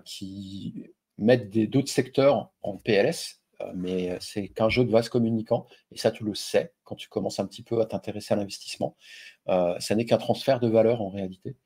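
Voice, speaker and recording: Middle-aged male host, low husky voice, loose chatty delivery full of fillers. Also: darkish tone. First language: French. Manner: informal, lots of fillers, addresses the viewer directly. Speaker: investing video host. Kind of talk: casual explainer with a familiar tone.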